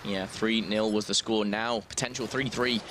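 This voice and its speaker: A man's voice: lowish voice, fairly even intonation, normal speed, noisy background. A man giving chatty, analytical color commentary on an esports match, with joking asides.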